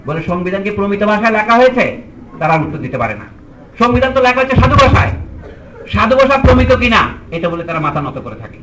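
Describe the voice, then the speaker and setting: A man's voice: high voice, very animated, a little fast, far from the mic, noisy background. A man from Bangladesh, a teacher giving a formal public lecture, arguing his case with pointed rhetorical questions.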